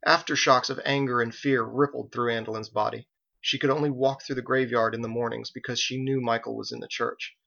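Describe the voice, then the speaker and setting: Male narrator, audiobook, measured, gravelly, dull lo-fi sound. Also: medium pitch, fairly even intonation, sharp tone. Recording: dull, slightly lo-fi recording.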